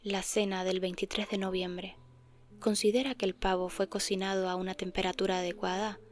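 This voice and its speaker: A woman voicing a mysterious phone caller who asks calm, polite survey questions in a hushed, half-whispered voice. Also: mid-range voice, fairly quick, faint music behind, lightly acted. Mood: eerily polite.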